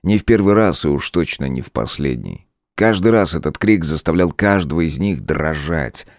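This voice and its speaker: Low-voiced guy reading a dark fantasy audiobook, really lively delivery, dry close sound. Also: moderate pace, no echo. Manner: expressive storytelling. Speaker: audiobook narrator. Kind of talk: scripted narration.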